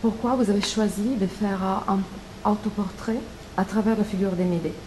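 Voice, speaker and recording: A woman interviewer asking formal, direct questions in a measured way. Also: mid-range voice, steady tone, mellow, slight background noise, rough recording.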